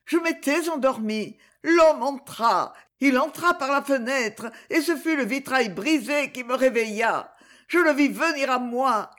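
A woman's voice: high voice, fairly bright tone, pitched above the performer's own voice. Woman doing Violetta, a trembling crazed mother. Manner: trembling, hollow voice. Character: crazed terrified middle-aged mother, haunted by memories.

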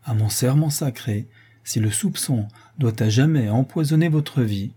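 A steadfast young bride-to-be from a storybook reading, gentle yet unbending in her vows, as a man reads her lines. The voice is mellow and a little husky, unhurried and solemn. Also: mid-range voice. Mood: firm, solemn. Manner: soft yet resolute, solemn. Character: young woman, gentle but firm fiancée.

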